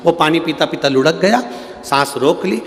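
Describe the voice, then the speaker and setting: A man's voice: fairly high pitch, animated, moderate pace. A man from central India giving a devotional sermon, telling a story dramatically and acting out voices. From Madhya Pradesh, India. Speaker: religious storyteller. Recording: echoey hall-like PA sound.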